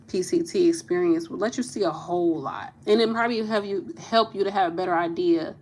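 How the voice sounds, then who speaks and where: Chatty woman in her thirties, lowish voice. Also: darkish tone, a little hiss or hum. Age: 30s. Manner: candid, chatty, laughs easily, reads viewer comments. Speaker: nurse and channel host. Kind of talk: casual livestream chat.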